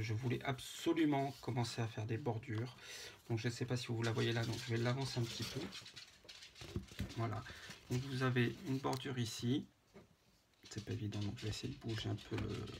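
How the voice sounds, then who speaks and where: A man casually showing a handmade photo album, talking to viewers with many pauses and fillers. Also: mid-range voice, steady tone, gravelly, noisy background. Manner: hesitant, many fillers, chatty asides to viewers. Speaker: scrapbooking vlogger. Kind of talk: casual show-and-tell.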